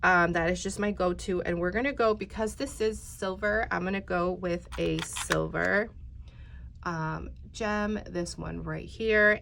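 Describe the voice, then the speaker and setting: A Texan woman with a fairly low, creaky voice hosts a casual paper craft tutorial, chatty and rambling, often slipping into a near-whisper as she works. She sounds a bit congested and stuffy, and there's background noise.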